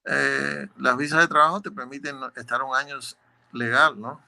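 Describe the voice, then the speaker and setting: Bright, gravelly man explaining law. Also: mid-range voice, steady tone, moderate pace. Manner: explanatory, methodical, repeats words while searching. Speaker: immigration lawyer. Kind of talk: answering legal questions.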